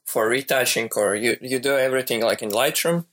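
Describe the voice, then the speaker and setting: A man's voice: medium pitch, fairly quick, fairly bright tone. A man interviewing casually in hesitant, non-native English, searching for words as he asks questions.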